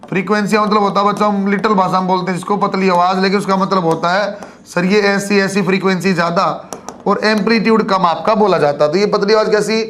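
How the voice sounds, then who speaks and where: A man's voice: sits high, fairly even intonation, fast, fairly bright tone. A male physics teacher with a Haryanvi Hindi accent, giving a classroom lecture and calling his students "kids" as he checks they follow. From Haryana, India. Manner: addresses students as kids, frequent check-ins.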